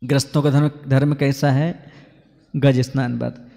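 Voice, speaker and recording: A man's voice: mid-range voice, flat delivery, unhurried, gravelly, warm tone. A man who is a Jain monk, giving a sermon on scripture, asking his listeners questions and reciting rhyming couplets. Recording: long hall reverb.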